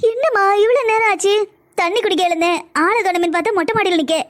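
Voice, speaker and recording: Brief: woman playing a motherly older cartoon mother-in-law, southern Tamil accent, very high and brisk. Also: a bit bright. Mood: caring. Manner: soothing, motherly coaxing. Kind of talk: cartoon voice acting.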